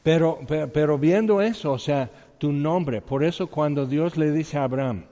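A man's voice: on the high side, normal speed, mellow. A man giving an informal Bible teaching in a conversational way, asking his listeners questions and chuckling now and then. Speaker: preacher. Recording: dull sound with long hall reverb.

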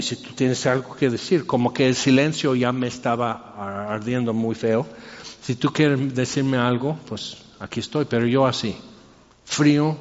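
A man giving an emotional personal testimony, halting and restarting his sentences often. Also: medium pitch. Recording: reverberant hall, dull lo-fi sound.

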